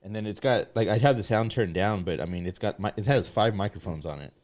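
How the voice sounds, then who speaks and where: A man hosts a podcast from a studio in loose, casual conversation. His voice sits fairly low. He rambles, with plenty of "like" as he goes. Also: fast talker. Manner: rambling, peppered with "like". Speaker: podcast host. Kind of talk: casual chat.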